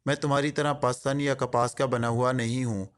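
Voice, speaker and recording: A man's voice: medium pitch, flat delivery, natural voice. A man voicing a male secret agent who jokes mockingly, then speaks in a cold, hard tone. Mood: sarcastic. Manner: switches from joking patter to cold, hard tone.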